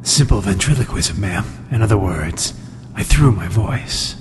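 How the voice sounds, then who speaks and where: A man's voice: lowish voice, expressive, a little slow, noisy background. A man playing a cool, commanding crime-fighting hero in an old-time radio mystery, clipped and dry. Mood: stern, dry. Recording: long hall reverb, music behind.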